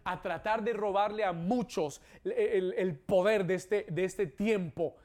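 High-voiced man preaching a fervent sermon. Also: measured pace, a little mellow. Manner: preaching, builds to exclamations and call-outs. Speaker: pastor. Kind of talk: bilingual sermon with English echoes. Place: church service.

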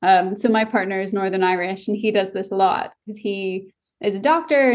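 Heard through a muffled recording, a medium-pitched woman from the United States discusses her work as a voice and dialect coach in a call interview. She comes across as articulate, reflective and enthusiastic, with a hint of English in her American accent.

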